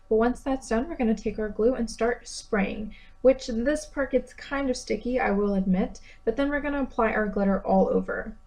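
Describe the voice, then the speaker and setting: A young woman talks through a craft tutorial in a bright, chatty voice-over. Her voice sits a little high, and she drops in playful self-deprecating asides between steps. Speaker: DIY vlogger.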